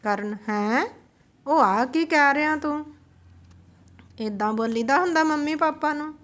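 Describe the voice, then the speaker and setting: A woman's voice: high voice, measured pace, fairly bright tone, voice pushed up. A woman voicing a stern, impatient father who speaks curtly.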